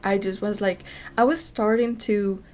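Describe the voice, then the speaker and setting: A young woman with a mellow, relaxed voice tells a personal story straight to the camera. She rambles candidly, leans on fillers and "you know what I mean," and swears without a second thought. Her delivery stays at an ordinary middle pitch. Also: a little slow, a little hiss or hum. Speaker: vlogger. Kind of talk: casual storytime monologue.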